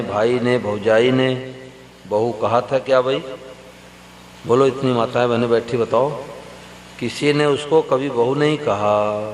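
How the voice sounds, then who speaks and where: Male preacher, mid pitch, unhurried storytelling sermon to a crowd, roomy hall reverb with faint hum. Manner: slow, storytelling, addresses the audience directly. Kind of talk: devotional sermon.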